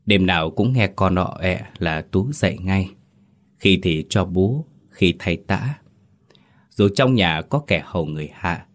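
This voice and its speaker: A man hosting and narrating a scripted horror story in a steady, measured way. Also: deep voice. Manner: steady, measured storytelling with hesitant asides in the intro. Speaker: host and narrator.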